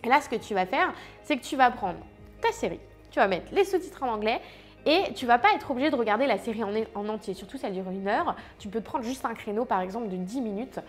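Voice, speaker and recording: A woman teaching languages in a casual, chatty way, often pausing with fillers and speaking straight to the viewer. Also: fairly high pitch, expressive, soft background music. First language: French. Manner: chatty, many fillers, addresses viewer directly. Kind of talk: casual explanatory lesson.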